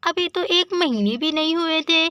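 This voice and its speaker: A woman's voice: very high voice, a little slow, pushed and bright, no echo, heavily acted. A woman voicing a caring older village aunt who fusses over the household in a soothing, motherly way. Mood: fussing.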